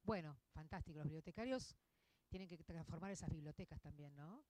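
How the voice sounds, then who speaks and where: A woman in her fifties with an Argentine accent, a literature teacher giving a conversational talk to an audience, expressive and full of tag questions. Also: low-pitched, a little fast, no echo. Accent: Argentine Spanish.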